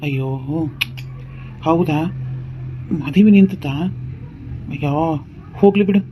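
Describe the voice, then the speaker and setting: A woman's voice: low-pitched, slow, narrow, tinny audio, slight background noise. A woman voicing a patient, soothing young husband in a cartoon, with a North Karnataka accent. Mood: reassuring. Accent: North Karnataka Kannada. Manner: coaxing, reassuring, chatty. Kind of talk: cartoon voice acting.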